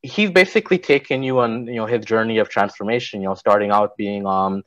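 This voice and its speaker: Low-voiced man from Guyana, measured. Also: a bit bright, no echo, dull audio. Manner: measured, thoughtful explaining. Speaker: author and activist guest. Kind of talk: interview answers.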